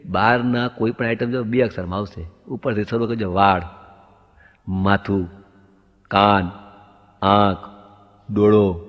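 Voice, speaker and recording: A man's voice: lowish voice, fairly even intonation, measured pace, pauses often. A man doing stand-up comedy, telling anecdotes and acting out both sides of the dialogue up to the punchline. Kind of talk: stand-up comic storytelling. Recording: dull lo-fi sound with long hall reverb.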